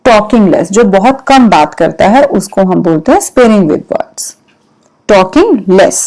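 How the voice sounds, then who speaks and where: An Indian woman teaching English words to young pupils at an unhurried pace. She spells each word letter by letter and explains the meaning patiently, in a voice of middle pitch. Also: sing-song, a little mellow, poor audio. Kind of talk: vocabulary lesson mixing English and Hindi.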